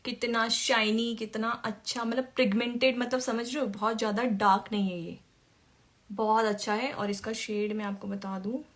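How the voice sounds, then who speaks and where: A woman's voice: on the high side, little pitch movement, moderate pace. Chatty woman teaching makeup live. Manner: chatty, answers viewers by name while applying makeup. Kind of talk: casual live-stream makeup tutorial.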